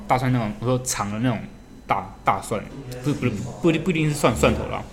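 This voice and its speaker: A man's voice: mid-range voice, lively intonation, brisk, a crowd in the background. A man with a Taiwanese accent explaining something step by step in casual chat, blunt and slangy, often repeating himself. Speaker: podcast speaker explaining a recipe. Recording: music playing behind the talk. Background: music.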